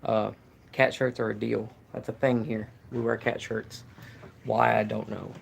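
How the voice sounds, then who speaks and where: A man hosts a relaxed live stream about fishing, talking in a flat monotone full of fillers and restarts. His voice is deeply gravelly and fry-heavy. There is a faint hiss behind him. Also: measured pace. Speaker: fishing channel host. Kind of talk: casual live stream chat.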